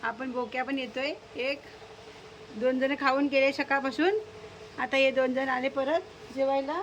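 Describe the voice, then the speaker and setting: A woman's voice: high-pitched, steady tone, a little slow, lo-fi sound, slight background noise. A woman, talking in affectionate, sing-song baby talk as she feeds her pets and strays, coaxing them and scolding them fondly. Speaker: vlogger feeding pets and strays.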